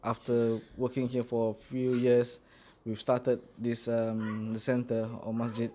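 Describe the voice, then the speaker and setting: Man from singapore talking about his mosque, dark mellow tone, faint room hum. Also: mid-range voice, measured pace. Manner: steady, hesitant with many ums. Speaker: mosque founder. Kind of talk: casual interview answers. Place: small mosque prayer room, indoors. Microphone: handheld mic held by interviewer.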